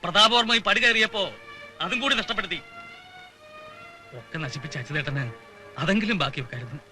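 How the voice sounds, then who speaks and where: An earnest, reproachful uncle. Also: male voice, a little high, lively intonation, a little fast, bright, forceful tone, faint music behind. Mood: indignant. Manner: earnest, reproachful, rising to indignation. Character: grieving uncle, gentle then indignant. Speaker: uncle figure, Unnimaman. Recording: film soundtrack with background score.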